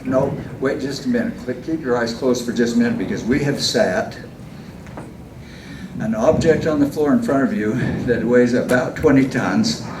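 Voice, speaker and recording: A man with a lowish voice hosts a live stage hypnosis show, coaxing volunteers step by step through suggestive instructions at a moderate pace. He's recorded from far off in a large, echoey indoor venue with an audience, and the background is clearly noisy.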